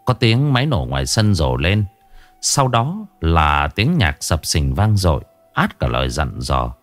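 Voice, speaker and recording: Low-voiced dramatic male storyteller. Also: soft background music. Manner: slow, expressive, dramatic reading. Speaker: narrator. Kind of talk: storytelling narration.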